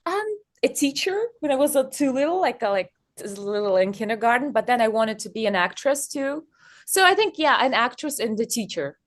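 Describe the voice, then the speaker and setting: A young woman from Kazakhstan, a guest chatting in an interview on stage, speaking haltingly with many fillers. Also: fairly high pitch, animated.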